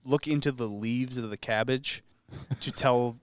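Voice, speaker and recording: A man's voice: medium pitch, measured pace, clean tone, no echo. A man hosting a podcast who asks curious questions and leads the topic in casual chat. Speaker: podcast host.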